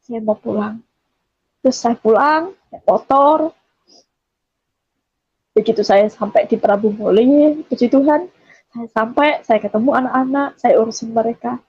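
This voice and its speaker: A woman's voice: a little high, unhurried, long pauses, breathy edge, no echo. A woman from Java giving an earnest personal testimony, often quoting herself as she tells the story. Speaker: testimony giver. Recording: dull, dry recording.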